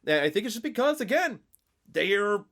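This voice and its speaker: A man's voice: sits high, big pitch swings, moderate pace, a bit bright. A man co-hosting a casual podcast, chatty, laughing often and filling his talk with "like". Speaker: podcast co-host. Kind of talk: casual chat.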